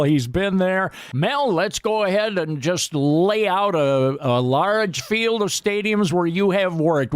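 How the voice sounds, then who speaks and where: Male interview host, affable, slightly high voice, dry sound. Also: no echo. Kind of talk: interview questions.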